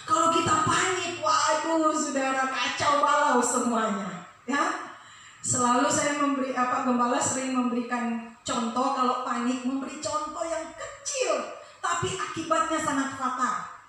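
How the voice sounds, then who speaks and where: A middle-aged woman preaching a sermon, emphatic, breaking into sung phrases and high cries. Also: fairly even intonation, a little slow, sharp tone, a little hiss or hum. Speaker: preacher, pastor's wife. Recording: echoey room, from a distance.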